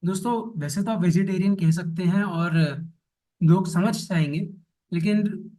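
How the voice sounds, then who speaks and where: A man teaching Japanese restaurant phrases in Hindi, saying each example sentence slowly and repeating it. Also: sits high, warm tone, far from the mic, rough recording. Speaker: language teacher.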